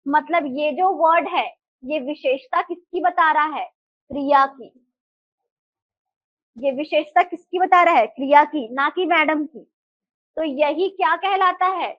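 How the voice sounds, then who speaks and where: A woman's voice: sits high, slow pace, pauses often, no room sound, dull audio. A woman teacher giving a live class, explaining and putting questions to her students in a mix of Hindi and English.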